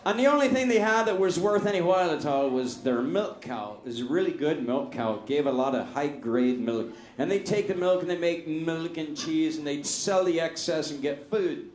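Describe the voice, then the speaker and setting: A man telling a long shaggy-dog joke in a rambling, deadpan way. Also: on the high side, moderate pace, few pauses, roomy sound. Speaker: joke teller.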